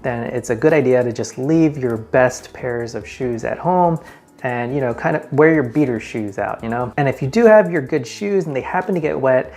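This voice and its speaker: A man hosts a men's style video, offering tips in a casual vlogger manner, addressing viewers directly and stressing numbered points. His voice is medium-pitched and darkish, at a moderate pace, with faint music in the background.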